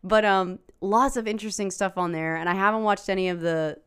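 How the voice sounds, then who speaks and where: A woman's voice: medium pitch, fairly even intonation, brisk, clean tone. A woman co-hosting a podcast, chatting casually, blunt and rambling, swearing often. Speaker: podcast co-host. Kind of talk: casual chat.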